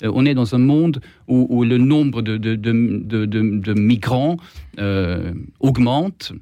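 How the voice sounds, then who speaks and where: A man's voice: medium pitch, slow pace, mellow, dry recording. Swedish guy on a tv debate panel, keeps restarting and repeating words, dry sound. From Sweden. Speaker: panel guest. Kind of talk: televised political debate.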